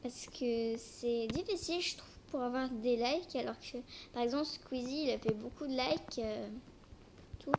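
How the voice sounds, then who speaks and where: High-voiced young female with braces, noisy recording. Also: moderate pace. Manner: talks with braces, slightly impeded articulation. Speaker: amateur video creator. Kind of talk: casual hesitant gameplay presentation. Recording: noisy homemade recording with clicks.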